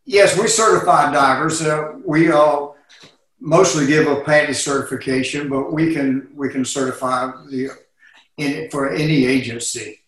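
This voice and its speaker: A man who runs a dive business, answering interview questions in a relaxed, rambling way with many fillers. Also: a little high, measured pace. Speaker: dive operator. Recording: very echoey room.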